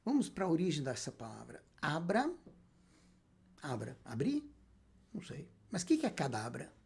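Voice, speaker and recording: A man's voice: a little high, huge pitch swings, fast talker, creaky, warm tone, husky. A man, a rabbi giving a spoken lecture and emphatically asking and answering his own questions. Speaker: rabbi teaching Kabbalah.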